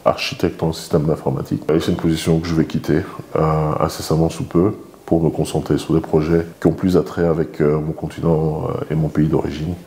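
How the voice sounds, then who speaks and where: Rumbling low and warm, this Congolese man in his forties talks a little fast with a flat delivery and hardly any pauses. As a guest being interviewed by his own child in a relaxed setting, he answers thoughtfully but hesitates and repeats words often.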